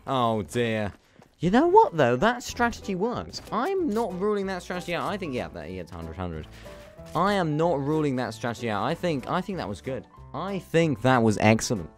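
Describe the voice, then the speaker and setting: Giggly young man with a lively voice. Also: fairly high pitch, normal speed, soft background music. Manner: excitable, giggly, talks to himself. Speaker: gaming YouTuber. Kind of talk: gameplay commentary.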